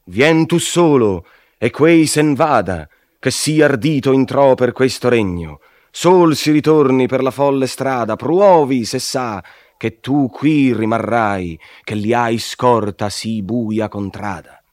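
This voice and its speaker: A crowd of scornful demons guarding the gate of hell snaps back in a raised, indignant voice, as a man puts them on. The delivery is heightened and pushed higher than a plain reading. It sounds dry and close, with no room around it. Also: steady tone, slow pace, darkish tone, no echo.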